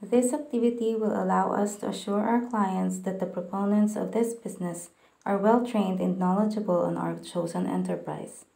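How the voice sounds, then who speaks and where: A young woman, co-owner of a farm enterprise, reading a scripted voice-over in a steady, careful way. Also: mid-range voice, gravelly, echoey room, low-quality recording. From Philippines. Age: young adult.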